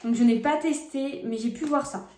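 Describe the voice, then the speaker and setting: A young woman beauty vlogger tests makeup casually at home, chatting frankly with her viewers as she applies products. Her high-pitched voice moves at a moderate pace, and the phone camera recording is reverberant with background noise.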